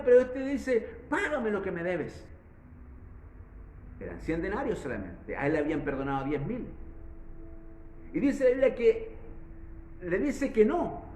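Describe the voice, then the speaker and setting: A Chilean man preaches in a strikingly high, lively voice, retelling a parable with frequent restarts and doubled words. The room around him is echoey, with a clear reverberant ring. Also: slight background noise. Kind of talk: sermon.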